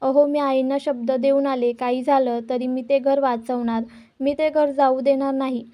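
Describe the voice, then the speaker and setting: Firm, earnest young wife, high, steady voice, as a woman reads her part. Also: normal speed, muffled recording, lightly acted. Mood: firm pleading. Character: firm, devoted young wife pleading for family.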